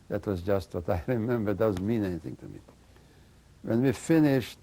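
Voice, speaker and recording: Older man, gravelly and halting. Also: low voice, warm tone. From Slovakia and Hungary. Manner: halting, searching for words, frequent "you know". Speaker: interviewee recounting memories. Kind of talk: oral history testimony.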